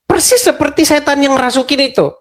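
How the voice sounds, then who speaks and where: A man hosting an interview, speaking in a measured, skeptical way and repeating phrases for emphasis. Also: very high-pitched, fairly bright tone. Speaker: host. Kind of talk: conversational interview.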